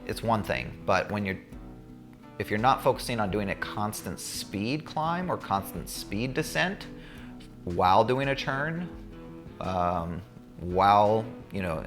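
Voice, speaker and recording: Deep-voiced man telling a casual story. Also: fairly bright tone. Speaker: student pilot recounting a checkride.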